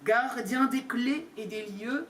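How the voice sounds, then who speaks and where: Hagrid, a woman doing a booming indignant giant. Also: takes it slowly. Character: huge gruff male giant groundskeeper. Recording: distant mic, faint room noise.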